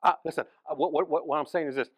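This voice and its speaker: A man preaching as pastor, telling the story in an animated way, acting out the people in it and restarting phrases often. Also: fairly high pitch, racing, dry recording. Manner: animated storytelling, acts out voices, frequent restarts. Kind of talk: sermon.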